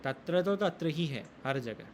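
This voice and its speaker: A man teaching a Sanskrit grammar lesson, explaining rules slowly, reciting sutras and quizzing his students. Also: a little high, animated, a little hiss or hum. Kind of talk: classroom lesson in Hindi.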